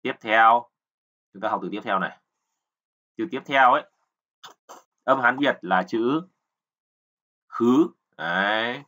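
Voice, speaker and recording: His voice fairly low and sharp, a man teaches kanji at a slightly slow pace, leaving long pauses. It's an explanatory lesson in which he patiently repeats words and keeps asking learners "right?"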